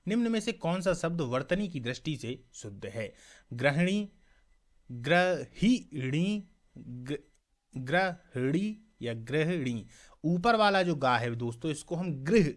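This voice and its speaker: A man teaching a mock exam class, reading each question and its options aloud, repeating them, asking viewers for the answer and often checking "clear?". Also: medium pitch, a bit bright. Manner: checks understanding with a frequent "clear?"; addresses viewers as friends.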